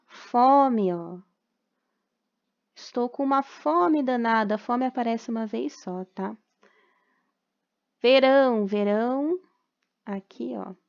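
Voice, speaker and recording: A Brazilian woman teacher with a fairly high voice talks parents through homework corrections in a patient, explanatory way, pausing often to check they follow. The recording is dull and lo-fi, made at home. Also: gravelly, a little mellow. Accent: Brazilian Portuguese. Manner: patient, explanatory, frequent check-ins, slow syllable-by-syllable dictation. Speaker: primary school teacher. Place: at home during quarantine.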